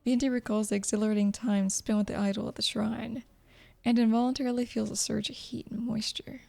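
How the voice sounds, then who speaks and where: A woman's voice: fairly high pitch, little pitch movement, fairly quick, gravelly, a little mellow, soft background music. A woman reading a video game story aloud as dramatic narration. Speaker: gameplay commentator and narrator.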